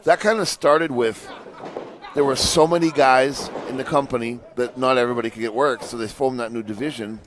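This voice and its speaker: Male lucha libre commentator over clear noise. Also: mid-range voice, steady tone, fairly quick. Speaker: wrestling color commentator. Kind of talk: conversational lucha libre match analysis. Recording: noisy outdoor live event sound.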